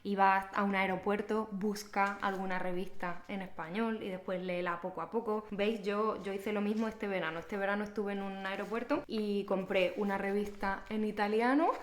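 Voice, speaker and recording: A young woman teaching a language, talking casually to camera and explaining each point clearly and patiently to the viewer. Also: mid-range voice, steady tone, moderate pace, few pauses. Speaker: Spanish teacher.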